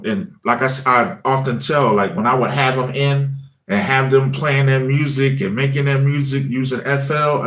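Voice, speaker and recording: Chatty man in his forties. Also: medium pitch. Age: 40s. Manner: loose and chatty, full of "you know what I mean" fillers; acts out his own past words in lively quoted asides. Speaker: former high school teacher and music channel creator. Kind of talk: casual conversational storytelling.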